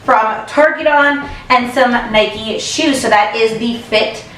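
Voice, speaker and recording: A woman's voice: fairly high pitch, takes it slowly, fairly bright tone, roomy sound, low-quality recording. A young woman talking casually to camera in a vlog, gushing and filling her talk with "like" and "literally". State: tearful, close to crying. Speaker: vlogger.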